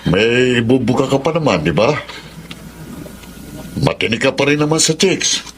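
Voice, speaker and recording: A man's voice: medium pitch, very animated, moderate pace, a little hiss or hum, natural voice. An actor playing Jonas, a joking male coworker teasing his friend about being in love.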